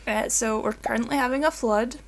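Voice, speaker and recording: Female co-host, a bit high-pitched, playful casual talk. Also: fairly quick. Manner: playful, laughs easily, teasing. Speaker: podcast co-host. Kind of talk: casual chat.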